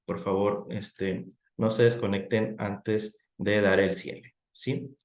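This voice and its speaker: A man's voice: fairly low pitch, flat delivery, slow. A man moderating an online session, announcing the format and then introducing the guest speaker. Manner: friendly, scripted announcements. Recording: roomy echo.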